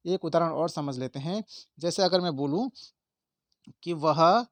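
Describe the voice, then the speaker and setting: A man's voice: on the high side, unhurried, no echo. A man teaching an exam-prep lesson, explaining step by step and stressing key words to his viewers. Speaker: Hindi exam tutor.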